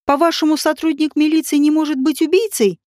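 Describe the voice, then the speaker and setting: A woman voicing an excitable young woman with a ringing, bold voice. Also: high voice, fairly quick, no echo, clean studio sound, close to an everyday voice. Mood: excited.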